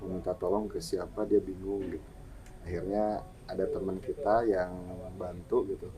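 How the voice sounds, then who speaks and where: A man's voice: sits low, flat delivery, moderate pace, low-quality recording. A man, a humanitarian volunteer, recounting experiences casually and plainly in a podcast interview. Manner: casual, plainspoken, fillers like "gitu".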